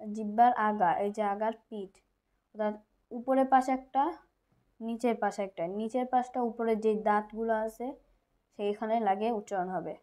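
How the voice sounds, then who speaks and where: A woman's voice: a little high, fairly even intonation, moderate pace, dark tone. A woman with a Bangladeshi Bengali accent teaching Quran recitation, patiently drilling each letter sound over and over. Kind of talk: slow tutorial with drilled syllables.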